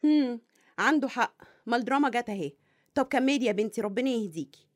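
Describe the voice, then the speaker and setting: A woman's voice: fairly high pitch, fast, close to an everyday voice. A woman with an Egyptian accent playing a playful, teasing young sister. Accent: Egyptian Arabic. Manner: teasing, affectionate.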